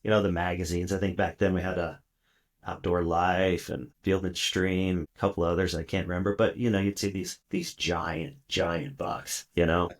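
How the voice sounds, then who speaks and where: Low-voiced man telling rambling stories. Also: flat delivery, moderate pace. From South Texas. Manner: rambling with many fillers and restarts. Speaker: podcast guest. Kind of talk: casual storytelling interview.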